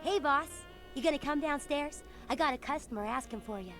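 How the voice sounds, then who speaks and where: An actress playing a casual, slangy nightclub employee who teases the boss in a video game. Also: female voice, high-pitched, brisk, fairly bright tone, faint music behind. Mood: teasing. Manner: informal, slangy, teasing.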